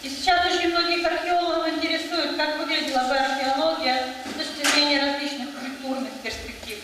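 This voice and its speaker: High, quick female interpreter, very echoey. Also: steady tone. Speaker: consecutive interpreter. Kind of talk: consecutive lecture interpreting in short phrases. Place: museum lecture hall. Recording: echoey hall, distant mic, noisy.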